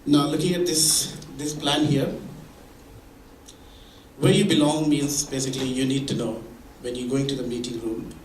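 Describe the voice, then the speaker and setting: With a steady, mid-range voice at a moderate pace, a man gives a conversational talk at a mentoring event. He works through examples and often starts sentences over. It's recorded from a distance in an echoey meeting room or hall with slight background noise.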